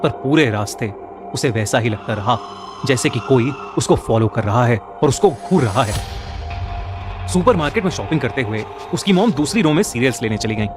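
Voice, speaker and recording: A man's voice: mid-range voice, lively intonation, moderate pace. A man narrating a scripted horror story in a dramatic storytelling manner. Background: music.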